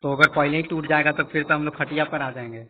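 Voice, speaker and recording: Brief: male teacher, somewhat high voice, repetitive explanatory lecture style, phone-quality sound. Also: fairly even intonation, fast, slight background noise. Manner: explanatory, repeats points and quizzes listeners. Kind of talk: classroom lecture with screen annotation. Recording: tinny phone-like audio.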